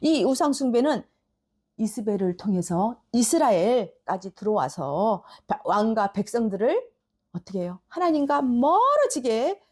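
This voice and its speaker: A woman's voice: on the high side, big pitch swings, measured pace, husky. A woman pastor preaching a sermon in a church, telling a story vividly and questioning her congregation. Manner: storytelling, asks the congregation questions and acts out the characters.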